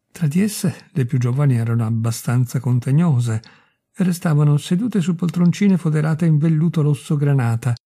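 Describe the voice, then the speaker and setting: A man reading a short story aloud in a measured, expressive storytelling style. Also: mid-range voice, gravelly, slightly rough. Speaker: reader of literature.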